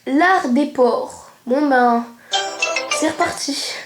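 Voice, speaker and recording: A woman's voice: high voice, slow. A woman hosting a casual reaction video, commenting over a cartoon in a roomy recording with the video's sound behind. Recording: roomy echo, loud video audio behind. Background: cartoon soundtrack and music.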